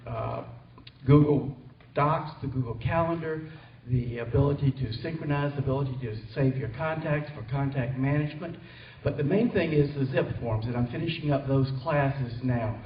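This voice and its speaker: A man's voice: medium pitch, normal speed, a little hiss or hum. A man giving an earnest presentation on technology at a company meeting, with some hesitations. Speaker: technology trainer. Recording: distant, roomy, dull hall recording.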